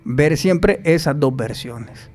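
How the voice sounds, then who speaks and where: A man's voice: on the high side, takes it slowly, faint music behind. A man telling stories as a podcast guest, acting out the voices of people he quotes. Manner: animated storyteller who acts out quoted voices. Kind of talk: storytelling in an interview.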